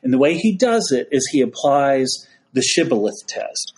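A man's voice: mid-range voice, animated, moderate pace, a little mellow. A man, a priest as podcast guest, telling a story in a casual folksy way. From United States. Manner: folksy storyteller, frequent "y'all".

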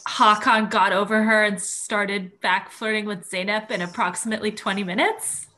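A woman's voice: medium pitch, steady tone, moderate pace, bright, forceful tone. A woman co-hosting a podcast in a casual chat about a TV show, making wry, joking remarks. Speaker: podcast co-host.

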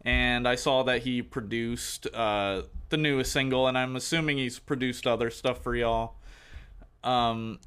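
A man's voice: mid-range voice, fairly even intonation, measured pace, a bit bright, clear, resonant tone. A man, interviewing a band over a video call, laughing often. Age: 20s. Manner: laughs often, friendly and giggly.

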